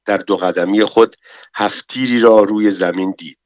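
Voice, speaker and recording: A man narrating an audiobook in a measured, dramatic storytelling manner. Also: lowish voice, steady tone, no room sound. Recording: dull, dry, lo-fi recording.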